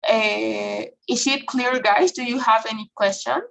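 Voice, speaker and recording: A woman's voice: fairly high pitch, steady tone, unhurried, creaky, a bit bright, a little hiss or hum, poor audio. Woman teaching English online. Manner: frequent checking questions, filler okay and right.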